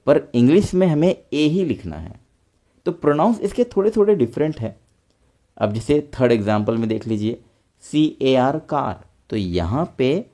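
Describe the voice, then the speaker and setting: A young man with a medium-pitched, warm voice teaches a lesson, patiently explaining English pronunciation step by step.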